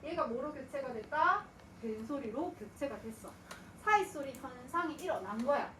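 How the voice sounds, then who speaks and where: With a high-pitched, expressive, fairly bright voice at a normal speed, a woman gives a grammar lecture. She poses questions, answers them herself, and occasionally imitates a student. She's recorded from a distance in an echoey room with slight background noise.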